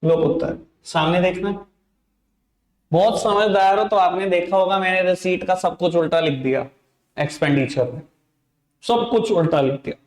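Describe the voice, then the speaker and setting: Playful high-voiced male accounting teacher. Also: normal speed, echoey room. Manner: playful, teasing, talks straight to students. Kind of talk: online class lecture.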